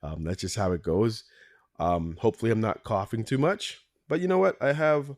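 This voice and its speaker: Hoarse and raspy from a cold, a podcast host with a voice on the low side delivers a rambling solo monologue on his own show. He chuckles often between his asides.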